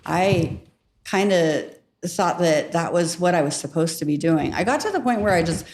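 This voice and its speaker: Podcast guest, middle-aged woman, low voice, frank storyteller who laughs easily. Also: expressive, moderate pace, a little mellow, a little hiss or hum. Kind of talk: candid storytelling.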